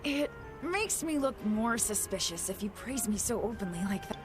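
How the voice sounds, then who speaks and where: A man's voice: high voice, moderate pace, music in the background. An actor playing a courteous, mysterious young male magician in a game dub. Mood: polite. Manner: courteous, calm and formal. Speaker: game character.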